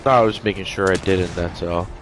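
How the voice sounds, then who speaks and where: A man with a very low voice, playing a shooter with a friend. He talks in an easygoing, slightly apologetic way. Loud gunfire from the game comes through clearly behind him. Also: fairly even intonation, brisk, noisy background. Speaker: co-player. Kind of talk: casual gaming chat.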